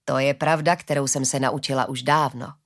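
A woman voicing a kind, motherly old herder woman who speaks slowly and gently in a storybook reading. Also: fairly even intonation. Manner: slow, gentle, low.

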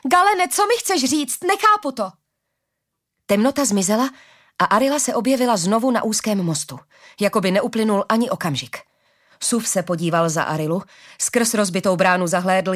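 Female narrator, steady audiobook read. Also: medium pitch. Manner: steady storytelling.

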